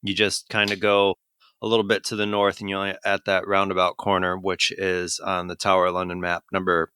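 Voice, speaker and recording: A man narrates a tabletop game as its game master, walking the players through the scene in careful detail. His voice is smooth and resonant, sitting a little low, and his delivery is unhurried. The sound is dry and close. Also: monotone, bright, forceful tone, dry recording. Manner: methodical scene-setting descriptions.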